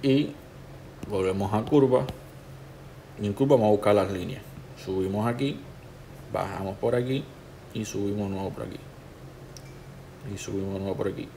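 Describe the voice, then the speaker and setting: Male tutor, lowish voice, relaxed step-by-step walkthrough. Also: moderate pace, pauses often, slight background noise. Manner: relaxed, instructive, talks the viewer through each step. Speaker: tattoo artist teaching a digital stencil technique.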